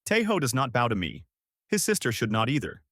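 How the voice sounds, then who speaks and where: A man voicing a gentle, regal alien queen who speaks in a calm, measured way in a dry recording. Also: medium pitch, breathy edge, no room sound, full character voice.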